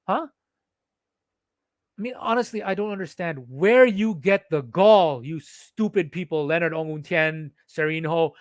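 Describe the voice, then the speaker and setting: This man's high voice comes through in dry, studio-quality audio. He's a vlogger from the Philippines who speaks with a Singaporean English accent, delivering an indignant, heated monologue to his viewers with frequent restarts.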